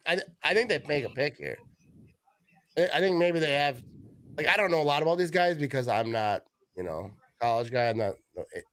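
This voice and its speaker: Easygoing halting male host. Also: medium pitch, no echo. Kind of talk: casual live-stream chat.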